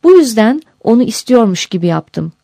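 A woman narrating a first-person memoir aloud in a measured, steady storytelling delivery. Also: on the high side, vocal fry, no echo, clean studio sound. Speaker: audiobook narrator.

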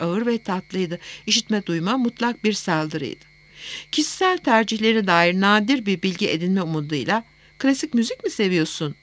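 A woman narrating a first-person romance novel as an audiobook, in a steady, even storytelling manner. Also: on the low side.

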